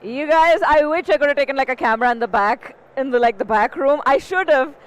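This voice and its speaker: A woman co-commentating a live fighting-game tournament in a bubbly, playful way. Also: high-pitched. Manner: bubbly, playful, quick to laugh. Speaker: esports co-commentator.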